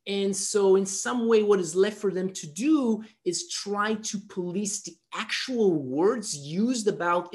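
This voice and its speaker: Hedging academic panelist, thoughtful. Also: medium pitch. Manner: hedging, thoughtful, many fillers.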